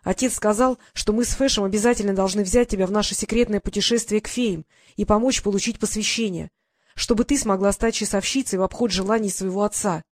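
A woman's voice: mid-range voice, fast talker, a little mellow, no echo, clean studio sound, close to an everyday voice. A woman voicing an earnest, talkative teenage boy who explains things at length. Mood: insistent.

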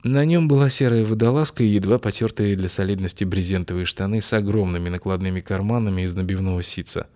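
Low-voiced man narrating an audiobook. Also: quick pace, hardly any pauses, mellow. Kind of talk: scripted narration.

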